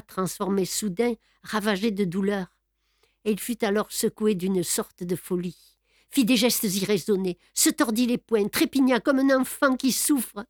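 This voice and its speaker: A woman narrating a classic novel as an audiobook, with a dramatic, measured delivery. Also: medium pitch, a little mellow, dry recording, studio quality. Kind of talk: expressive reading of a classic novel.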